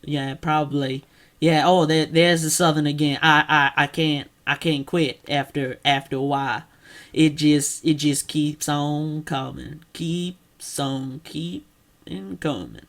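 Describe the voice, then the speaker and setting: A man chatting casually in a home vlog, rambling through his thoughts and making fun of his own attempts. His voice sits slightly high for a man and he talks slowly, leaning on fillers. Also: steady tone, creaky, a bit bright. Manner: rambling, self-deprecating, many fillers. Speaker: vlogger doing accents for a friend. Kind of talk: casual chat.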